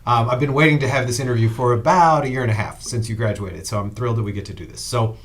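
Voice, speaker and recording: A man's voice: mid-range voice, fast. A man hosting a podcast interview, enthusiastic and full of fillers as he introduces his guest. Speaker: podcast host.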